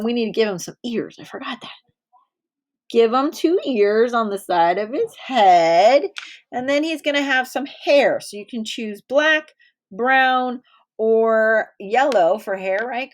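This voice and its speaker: A woman teacher in her thirties leading a drawing lesson for small children, patient and encouraging. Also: fairly high pitch. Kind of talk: directed drawing lesson for young kids.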